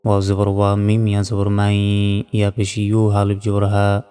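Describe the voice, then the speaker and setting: A man's voice: lowish voice, monotone, moderate pace, mellow, clear, resonant tone, in a large hall. A man teaching Quran reading, spelling each letter and syllable aloud and then chanting the joined word.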